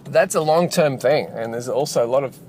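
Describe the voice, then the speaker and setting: A man's voice: medium pitch, fairly quick, a little mellow. Rambling man talking while driving. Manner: rambling, full of fillers and restarts. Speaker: game developer and channel host. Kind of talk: casual driving vlog. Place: inside a car while driving. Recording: road noise inside a moving car.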